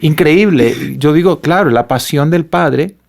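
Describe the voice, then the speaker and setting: Gravelly middle-aged Paraguayan pastor. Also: male voice, fairly high pitch, a little slow. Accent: Paraguayan Spanish. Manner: earnest, animated storytelling. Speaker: pastor and father. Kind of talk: conversational testimony.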